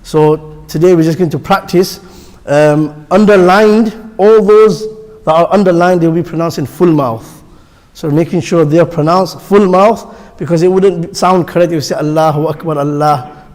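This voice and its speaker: Guy with a pretty high voice teaching a class, patient, says everything twice, long echo in a big hall. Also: fairly even intonation, normal speed, a little mellow. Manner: patient, repeats each point and demonstrates pronunciation. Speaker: instructor teaching the call to prayer. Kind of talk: classroom instruction. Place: mosque hall.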